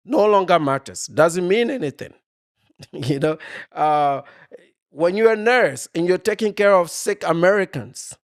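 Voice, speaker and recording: A man's voice: fairly high pitch, no room sound, clean studio sound. A man giving opinionated commentary off the cuff, arguing emphatically and often checking in with a short tag question. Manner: emphatic, argumentative, checks in with "okay?" and "right?".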